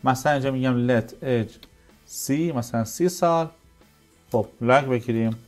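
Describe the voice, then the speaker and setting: A man at a middle pitch walks through code in a screen-recorded tutorial, asking a question and then answering it himself. Faint guitar music plays quietly behind his voice. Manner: explains step by step, asks and answers his own questions. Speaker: programming teacher.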